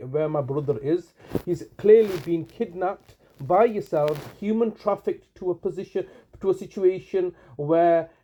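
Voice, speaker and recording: Man over a phone line, tinny narrow sound, slightly high voice, insistent, halting restarts. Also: warm tone, a little hiss or hum. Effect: heard over a phone line. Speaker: caller leaving a voicemail. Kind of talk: long recorded phone message.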